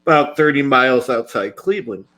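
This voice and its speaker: A man's voice: medium pitch, animated, fairly quick, pushed and bright. A man, chatting casually on a podcast, swearing freely and drawling through fillers. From United States. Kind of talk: casual chat.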